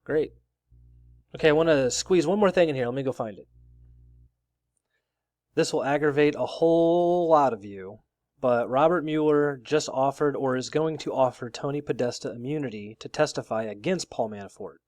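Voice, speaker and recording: A man's voice: medium pitch, moderate pace, a little mellow, no echo. Casual male news commentator, dry sound. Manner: conversational, reads out article excerpts with asides.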